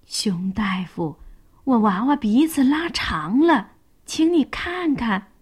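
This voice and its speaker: A woman's voice: mid-range voice, very animated, slow pace. Woman voicing a fussing mother pig. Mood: anxious. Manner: fussing exclaiming. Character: anxious scolding mother pig.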